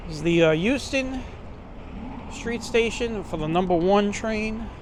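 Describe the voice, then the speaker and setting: A man's voice: sits high, lively intonation, unhurried. A man with a Brooklyn accent giving chatty, informal commentary as he hosts a walking tour. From Brooklyn, New York. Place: outdoors on city streets, walking. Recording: street noise, traffic and vehicles. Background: street ambience and vehicles.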